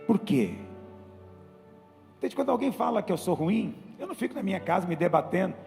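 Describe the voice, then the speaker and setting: A man with a Brazilian Portuguese accent preaching a sermon as pastor, lively and acting out the worried believers he describes. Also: high-pitched, brisk, vocal fry, long reverb tail, soft background music.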